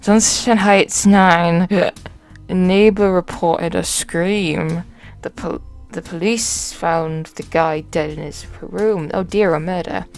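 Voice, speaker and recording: A boozy old-school chief inspector, put on by a woman drags out his words in a slow, slurred drawl. He stays gruff and unbothered in this point-and-click detective game. Soft music sits faintly underneath. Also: on the low side, fairly even intonation. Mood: slurring.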